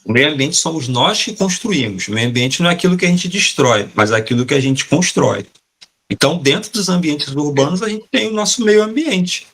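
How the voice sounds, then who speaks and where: Husky-voiced Brazilian man lecturing. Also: a little high, lively intonation, a little fast, a bit bright. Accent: Brazilian Portuguese. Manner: hesitant, repeats words while searching for them. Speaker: professor giving a talk as panelist. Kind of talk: explanatory talk in a live web panel. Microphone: video call.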